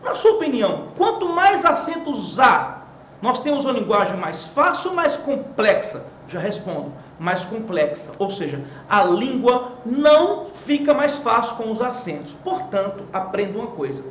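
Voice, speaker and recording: A man with a Brazilian accent teaching a lively grammar lesson at a whiteboard. He asks questions and answers them himself, and stresses key words. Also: extremely high pitch, normal speed, roomy sound, muffled recording, a little hiss or hum. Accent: Brazilian Portuguese. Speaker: Portuguese teacher.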